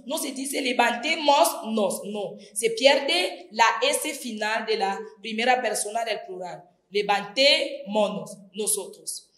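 A woman teaching a distance-learning grammar lesson, slowly and deliberately spelling out each verb form. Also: a little high. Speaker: Spanish teacher. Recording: echoey room.

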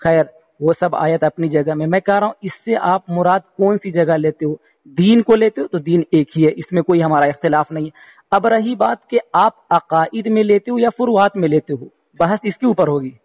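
A high-voiced man argues on a phone call, pressing his point again and again with pointed questions. His delivery is insistent and relentless, and the muffled, dull call audio takes the edge off his voice. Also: moderate pace. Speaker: religious debater on a phone call. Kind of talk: heated phone debate.

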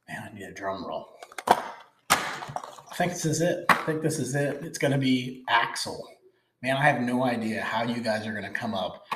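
Unboxing lures casually for his fishing channel, a man in his forties chats eagerly and keeps repeating himself. His voice is medium in pitch and sounds roomy, with background noise, in an indoor room with a logo backdrop.

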